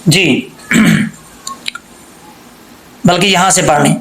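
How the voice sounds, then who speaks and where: A man teaching Quran recitation rules, spelling out letters and vowel marks and then reciting words slowly and drawn out, sometimes asking and answering his own questions. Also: high-pitched, creaky, a bit bright, echoey room, low-quality recording. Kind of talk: tajweed lesson with slow demonstrations.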